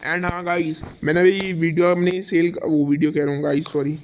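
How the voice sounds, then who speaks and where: Young man, high voice, excitable, live game commentary, keeps addressing viewers. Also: fairly quick, a little hiss or hum. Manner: excitable, fills every phrase with "guys". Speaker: gaming YouTuber.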